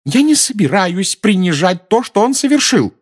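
A storybook voice of a protective mother witch, put on by a male narrator, pushed well up into a high, strained register. She scolds hard and insists on every word, climbing toward a shout. Her pitch swings widely from line to line. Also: wildly swooping pitch, a little fast. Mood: scolding. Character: stern motherly middle-aged witch, protective and sharp.

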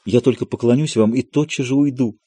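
A man voicing a shabby, gentle young eternal student, speaking earnestly, in an audiobook of a play. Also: mid-range voice, brisk, breathy edge, no room sound, voice pushed up, natural voice.

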